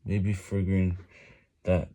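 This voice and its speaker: A man's voice: low-pitched, completely flat delivery, takes it slowly, warm tone. A man reading a novel aloud while doing push-ups, exerting himself, with sighs between phrases and words often broken off and repeated.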